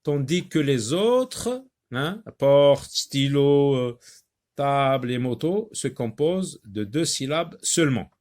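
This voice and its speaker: A man teaching a reading lesson to young children, repeating words slowly and patiently with many hesitant fillers. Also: mid-range voice, lively intonation, a little mellow. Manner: slow, patient, repeats words and syllables for learners; frequent hesitations with drawn-out fillers.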